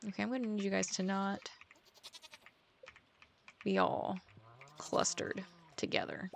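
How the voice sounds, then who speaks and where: A woman's voice: mid-range voice, steady tone, measured pace, creaky, slight background noise. A woman chatting casually while she plays a game, rambling from thought to thought with lots of "like" fillers and sometimes dropping almost to a whisper. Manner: rambling, chatty, heavy use of "like". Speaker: author playing a farming game. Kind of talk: casual gameplay chat.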